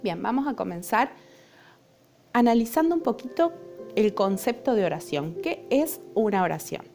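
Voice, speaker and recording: A woman's voice: medium pitch, very animated, moderate pace, creaky, a little mellow, soft background music. A young adult woman teacher, explaining a lesson patiently and often checking in with her students. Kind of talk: recorded online lesson.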